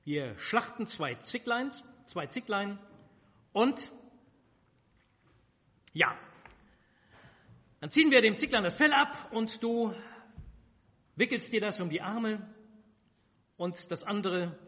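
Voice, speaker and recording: A man's voice: high-pitched, expressive, slow pace, pauses often, pushed and bright, pitched above the performer's own voice, full character voice. A man voicing a scheming mother who urgently lays out a plan, in a reverberant hall. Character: scheming mother, middle-aged woman.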